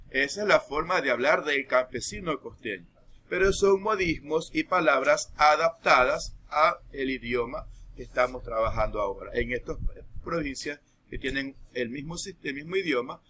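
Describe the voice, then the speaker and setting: A man teaching a recorded lesson, explaining patiently and checking understanding with quick asides. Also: on the high side, bright, forceful tone, slight background noise.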